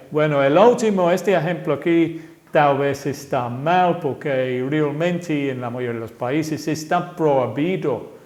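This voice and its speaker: Slow-speaking man teaching grammar in an echoey room. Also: mid-range voice, darkish tone. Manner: slow, deliberate, repeats examples. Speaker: English teacher. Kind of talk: language lesson explaining grammar.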